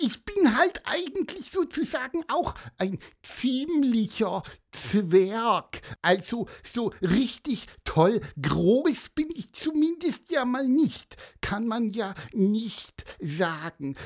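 A man voicing a small, curious, cheeky bird with a high, squeaky, piping voice and a lively lilt. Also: slow pace, hardly any pauses, exaggerated voice. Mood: sympathetic.

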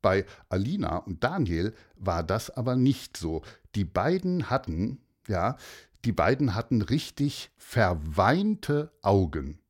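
A man narrating a children's story in an expressive, playful way. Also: on the low side, takes it slowly.

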